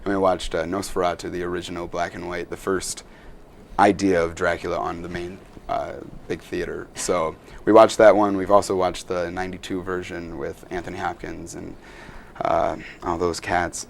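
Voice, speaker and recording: A man's voice: deep voice, little pitch movement, fairly quick, vocal fry, a little hiss or hum. A young man, a student actor, answering interview questions in an earnest, rambling way with many fillers.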